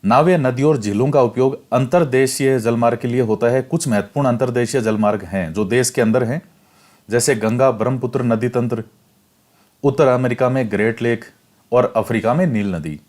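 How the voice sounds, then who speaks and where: This classroom lecture has a male teacher reading and explaining a textbook chapter in a medium-pitched voice at a steady pace. He rephrases each line more simply, step by step, and repeats the key points to prepare students for exams.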